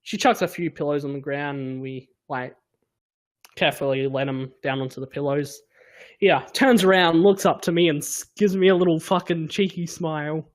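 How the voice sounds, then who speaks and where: A young man with a slightly high voice chats casually on a podcast. He tells a funny story with swearing and bursts of laughter. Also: steady tone, moderate pace. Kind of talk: casual chat.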